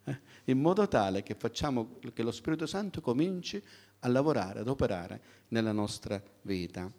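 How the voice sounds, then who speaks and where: Addressing his congregation, a middle-aged preacher keeps his sermon direct and conversational. His medium-pitched voice is expressive and a little mellow, and he often poses rhetorical questions, then waits for the people to answer.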